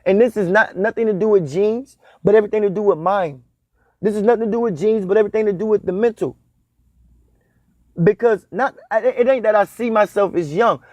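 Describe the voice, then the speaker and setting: A man's voice: sits high, a little fast, darkish tone, no echo. A man in his thirties giving a spiritual talk on dream meanings, repeating and stressing his points like a preacher. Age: 30s. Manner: repetitive, emphatic, preacher-like cadence. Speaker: spiritual teacher.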